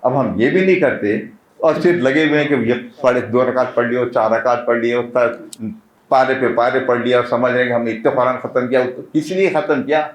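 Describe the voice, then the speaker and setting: A man giving an informal religious talk in an earnest tone, repeating key phrases for emphasis. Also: medium pitch. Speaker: preacher. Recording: roomy echo.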